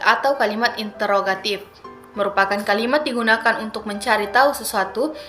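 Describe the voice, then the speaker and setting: A young woman, a university student, reading her assignment aloud as a steady, methodical class presentation, working through definitions and numbered lists. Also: medium pitch. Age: young adult.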